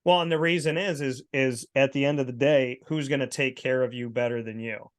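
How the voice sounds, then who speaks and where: A man in his thirties co-hosts a podcast in casual chat, telling stories in an emphatic, preachy way. His voice is mid-range and fairly quick.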